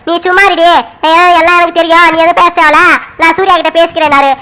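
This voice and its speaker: A woman voicing a patient middle-aged mother who calms her son in a village family cartoon. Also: extremely high pitch, fast talker. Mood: soothing. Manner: patient, reassuring, repeats "sit, wait". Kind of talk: animated cartoon serial voice.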